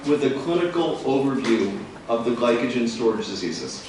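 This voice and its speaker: Male physician lecturer, extremely slow and measured, formal, far from the mic in a strongly echoing room. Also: mid-range voice, sing-song. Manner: measured, deliberate, pausing between phrases. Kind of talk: formal lecture in short phrases for interpretation. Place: large echoing room at a talk. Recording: very echoey room, distant mic, faint noise.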